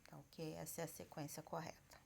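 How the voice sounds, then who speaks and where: Gravelly-voiced woman teaching a grammar lesson. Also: low voice, flat delivery, brisk, darkish tone, slight background noise. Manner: explanatory, frequent check-ins.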